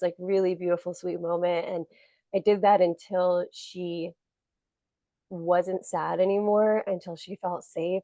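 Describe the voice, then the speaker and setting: A woman's voice: lowish voice, mellow, dry recording. A woman co-hosting a podcast in casual chat, rambling with lots of "like" fillers. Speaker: podcast co-host.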